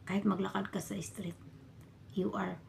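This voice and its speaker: A woman from the Philippines, a domestic worker abroad, telling her story in a casual vlog and often dropping into a hushed whisper. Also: medium pitch, level tone, moderate pace, gravelly, slight background noise. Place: a bedroom in her employer's home.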